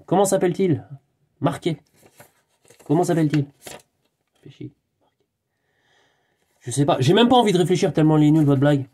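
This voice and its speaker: Rambling, excitable man in a live monologue. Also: a little high. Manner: excitable, digressive, talks to himself, swears. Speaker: channel host.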